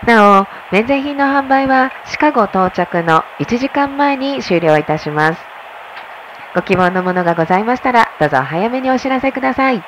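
A woman working as a flight attendant makes a formal inflight announcement over the cabin PA. She speaks in a polite, measured way from inside an airplane cabin. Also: on the high side, lively intonation, a bit bright, slight background noise, low-quality recording.

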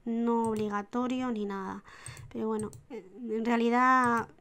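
A woman's voice: fairly high pitch, steady tone, a little slow, a bit bright, clear, resonant tone. A woman with a Spanish accent who now and then slips into an Argentine one, chatting casually over a life-sim game, counting aloud and dropping into whispers. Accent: Spanish (Spain), sliding into a put-on Argentine. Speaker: gaming YouTuber. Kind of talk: casual Sims gameplay commentary.

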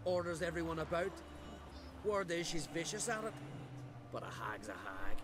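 An actor playing a brash island brawler in a video game who talks bluntly and taunts with folksy, old-fashioned speech. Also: male voice, on the high side, animated, moderate pace, natural voice. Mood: scornful. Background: game music.

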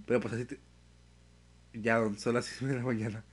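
A young man with a Mexican accent, chatting casually on a live stream, full of slang and swearing, telling stories with animated energy. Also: medium pitch, moderate pace, husky. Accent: Mexican Spanish.

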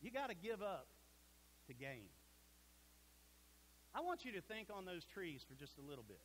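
A middle-aged man preaching a sermon in a church sanctuary, folksy and emphatic, dropping to a hush at points. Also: high voice, big pitch swings, moderate pace, a little hiss or hum, low-quality recording.

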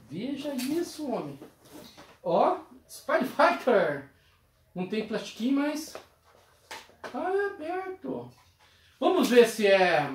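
An animated collector talks through an unboxing with excited exclamations, calling out each item. The voice sits a little back from the mic in an echoey indoor room, with a faint hiss underneath. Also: mid-range voice, far from the mic. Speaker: collector unboxing retro game cartridges. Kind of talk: casual unboxing vlog. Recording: roomy echo, voice away from mic, faint noise.

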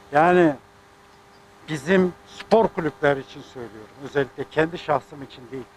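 A man's voice: fairly high pitch, a little hiss or hum, low-quality recording. An older man speaking as a sports club president, making an indignant, rambling statement. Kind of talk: press statement.

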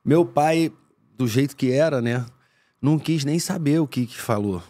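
A man, a podcast guest telling a family story in a lively, casual way. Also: mid-range voice, normal speed. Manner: animated storyteller who acts out voices.

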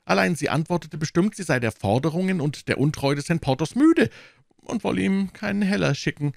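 A man's voice: a little high, animated, fairly quick, vocal fry, no echo, studio quality, pitched above the performer's own voice. A man reading an audiobook and voicing an anxious, fussy male innkeeper who is owed money, pleading and fretful.

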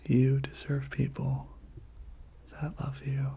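A person giving a whispered pep talk in soft, breathy ASMR style, repeating short encouraging phrases. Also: medium pitch, completely flat delivery, takes it slowly.

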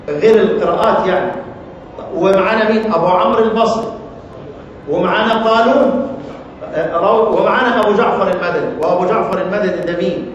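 A man with an Egyptian accent teaching Quran recitation, quizzing his students and chanting verses slowly. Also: high-pitched, a little hiss or hum. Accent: Egyptian Arabic. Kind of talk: classroom lecture with questions to students. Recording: echoey hall, distant lo-fi mic.

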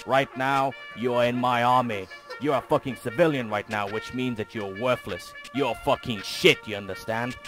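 A man's voice: mid-range voice, steady tone, moderate pace, hardly any pauses, over music. A young man playing a drill sergeant in an online game, barking profane insults and orders at recruits over voice chat.

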